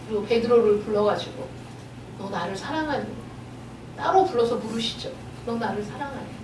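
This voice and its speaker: A woman's voice: high voice, noisy background. A woman pastor preaching a sermon with emotion and emphasis, asking many rhetorical questions. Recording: roomy echo, distant mic.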